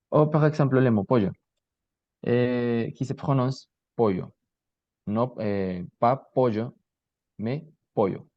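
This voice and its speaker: A man's voice: lowish voice, warm tone, no echo. A young man giving an oral class presentation, reading aloud and correcting himself with fillers. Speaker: student presenter. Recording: dull, dry lo-fi recording.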